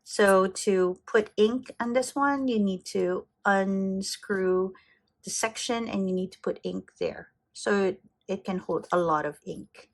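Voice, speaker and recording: Slow chatty Filipino woman with fry. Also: medium pitch. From Philippines. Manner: chatty, enthusiastic, self-correcting. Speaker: fountain pen collector vlogger. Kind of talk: casual show-and-tell.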